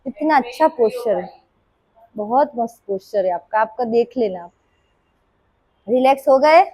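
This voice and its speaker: A woman's voice: a little high, expressive, measured pace, warm tone, poor audio. A woman yoga teacher with a sore throat, counting reps and scolding her class into holding their poses. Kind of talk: live group class instruction. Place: indoor yoga class room.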